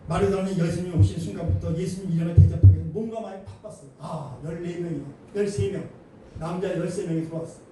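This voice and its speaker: Fast-talking, emphatic male pastor preaching. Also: sits high. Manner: animated, emphatic, colloquial with humor. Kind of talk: sermon. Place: church sanctuary. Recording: echoey hall, distant mic, faint noise.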